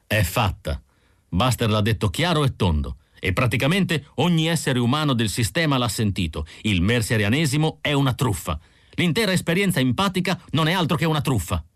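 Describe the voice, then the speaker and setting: A man's voice: medium pitch, sing-song, fairly quick, dry recording, clean studio sound, pitched above the performer's own voice, natural voice. A male narrator voicing a smug android man who talks in an assured, slightly mocking way. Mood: triumphant.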